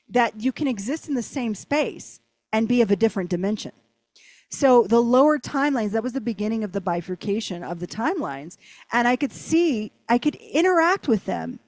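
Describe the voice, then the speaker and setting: Higher-voiced woman telling a story. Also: dry recording. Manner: animated, rambling, heavy use of "like". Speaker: interview guest. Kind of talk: casual storytelling.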